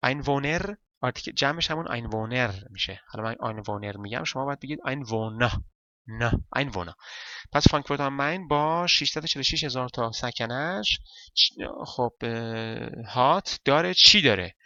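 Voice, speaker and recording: A man whose first language is Persian, teaching a German lesson step by step and reading German sentences slowly. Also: medium pitch, animated, sharp tone, highs cut off. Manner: explains step by step, counting parts aloud; reads German slowly and deliberately.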